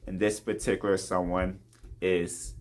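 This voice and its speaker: A man in a confessional devotional talk to camera, earnest and open about his faith. His voice sits on the low side and he breaks into soft laughs between thoughts. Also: little pitch movement, measured pace.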